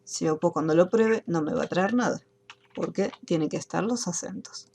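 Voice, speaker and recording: A woman teaching an online class, explaining software steps patiently one by one. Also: on the low side, moderate pace, creaky, breathy edge. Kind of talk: screen-recorded software tutorial.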